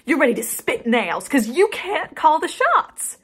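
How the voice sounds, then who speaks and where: A woman's voice: high voice, very animated, unhurried, a bit bright, exaggerated voice. A young woman playing a headstrong daughter in an emotional, insistent dramatic monologue addressed to her mother. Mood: angry, accusing. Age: young adult. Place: small indoor room, plain wall.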